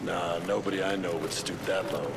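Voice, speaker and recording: A gravelly military squad leader. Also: male voice, sits low, fairly even intonation, moderate pace. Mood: low, serious. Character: gruff military squad leader, calm under fire. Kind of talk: video game combat dialogue. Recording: loud battle and vehicle noise behind.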